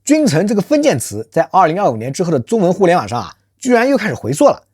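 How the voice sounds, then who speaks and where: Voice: medium pitch, wildly swooping pitch, fast, a little mellow, slightly rough, dry recording, studio quality. A channel host delivering a scripted social commentary monologue, rhetorical and emphatic, often posing questions to listeners. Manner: calls self by nickname in third person.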